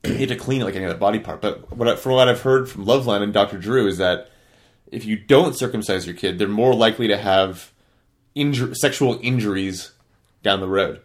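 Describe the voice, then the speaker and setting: Male co-host, fairly low pitch, matter-of-fact conversational delivery, slightly far from the mic. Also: a little fast. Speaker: podcast co-host. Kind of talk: casual chat. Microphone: one shared microphone. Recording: distant from a single shared mic.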